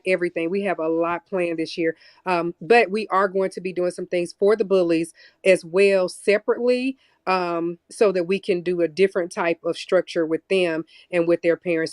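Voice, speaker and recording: Woman guest, southern american accent, earnest, steady pitch, dry sound. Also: dry recording. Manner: earnest, explains plans in long lists. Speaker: guest, youth program leader. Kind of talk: casual interview talk.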